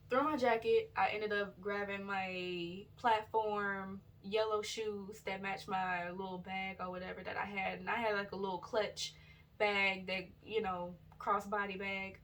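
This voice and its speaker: A woman's voice: mid-range voice, normal speed. Chatty woman vlogging, a little distant. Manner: rambling and loose, with many fillers and self-corrections; chatty and relaxed, addresses viewers directly. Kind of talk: casual storytelling vlog. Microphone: built-in device camera mic.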